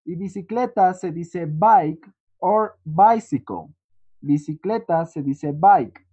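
A teacher patiently walking students through an online lesson, often checking in with a quick "¿sí?". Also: medium pitch, animated, mellow, breathy edge. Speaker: English teacher. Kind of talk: online class walkthrough. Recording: dull lo-fi online class audio.

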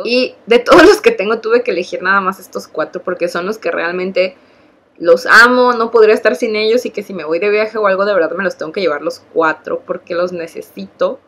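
A young Mexican woman talks through her favorite cheap makeup in a casual vlog. She gushes over each product and stacks her words for emphasis. Her voice sits at an ordinary middle pitch for a woman. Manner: enthusiastic, gushing, repeats "muy, muy". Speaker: beauty vlogger.

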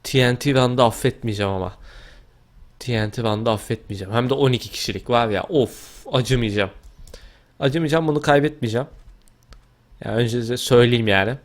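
A young man casually commentating his own Minecraft gameplay, talking to himself and yelping and shouting as the action heats up. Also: medium pitch, fairly quick. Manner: excitable, talks to himself, yelps and shouts mid-game. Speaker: gaming video host.

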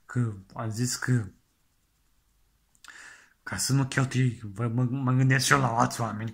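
A man doing a comic monologue as a penny-pincher, talking earnestly in halting, rambling sentences full of restarts. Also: medium pitch, gravelly, a bit bright. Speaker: comedian playing an extreme penny-pincher. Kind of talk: comedic monologue sketch.

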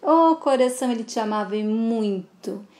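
A woman's voice: fairly high pitch, expressive, normal speed, darkish tone, lightly acted. A woman voicing a smug, cruel villainous man who taunts in a sing-song way. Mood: sneering, gloating. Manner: sing-song, sneering, keeps calling her sweetheart.

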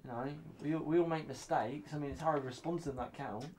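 A man playing a calm, patient youth counsellor who often says um while giving advice. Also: a little high, quick pace, slight background noise, close to an everyday voice. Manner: calm, patient, with frequent ums.

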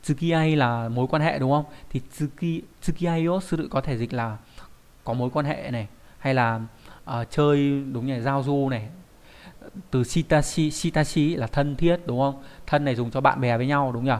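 A young adult man leads a vocabulary lesson in a patient, explanatory way. His voice sits at an ordinary middle pitch. He keeps checking in with his students through little rhetorical questions. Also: moderate pace, darkish tone. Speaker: Japanese language teacher.

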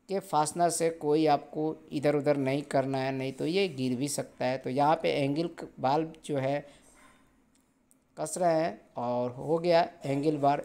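A man's voice: on the high side, a little mellow. A young man, a plumber, explaining step by step how to fit a water heater while he works in a bare indoor room, recorded on a camera-phone mic. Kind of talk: how-to tutorial narration.

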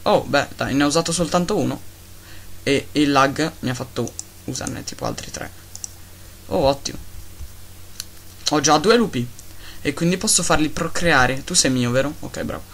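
Excitable man narrating his game. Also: a little high, normal speed, pauses often, slight background noise. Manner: excitable, talks to his wolves, mock-grumbling at lag. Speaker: Minecraft let's-player. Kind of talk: casual gameplay commentary.

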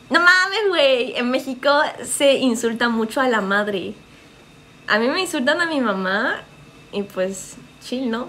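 Woman, Peruvian accent, young adult, livestream chat, joking, higher pitch, faint hum behind. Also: a bit bright. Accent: Peruvian Spanish. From Peru. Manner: chatty and joking. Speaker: streamer. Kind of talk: livestream chat, reading comments aloud.

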